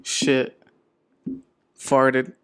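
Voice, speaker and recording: A man's voice: medium pitch, completely flat delivery, very slow, a bit bright, clear, resonant tone. A man co-hosting a casual podcast chat, laid-back and joking, who laughs easily and swears freely. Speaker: podcast co-host.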